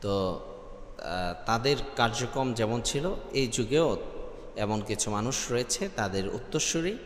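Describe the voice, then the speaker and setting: A man teaching Quran recitation step by step, spelling out letters one by one and breaking into loud, high melodic chanting for the verses. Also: expressive. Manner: spells out letter by letter, with drawn-out filler sounds. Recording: echoey room with long reverb.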